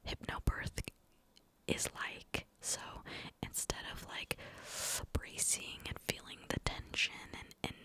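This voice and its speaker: Young woman in a cupped-hand whisper. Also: low-quality recording. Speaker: ASMR storyteller. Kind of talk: whispered ASMR personal storytime ramble. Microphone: close to the mic, mouth cupped by hand.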